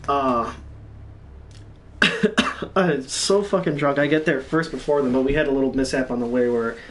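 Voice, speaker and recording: A man hosting a gaming channel, telling stories in a rambling, halting way with lots of swearing. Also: mid-range voice, fairly bright tone, recorded from a distance, a little hiss or hum. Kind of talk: casual solo storytelling stream.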